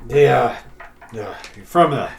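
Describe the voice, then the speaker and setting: A man's voice: medium pitch, lively intonation, measured pace, reverberant, over music. A man doing a flustered, frustrated sheriff. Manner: gruff, exasperated, flustered. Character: frustrated, flustered small-town sheriff working as a smith.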